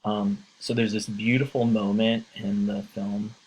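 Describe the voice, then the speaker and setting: Earnest low-voiced male teacher. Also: flat delivery, a little slow, a little mellow, slightly rough, muffled recording. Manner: earnest, with many fillers. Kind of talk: casual lecture.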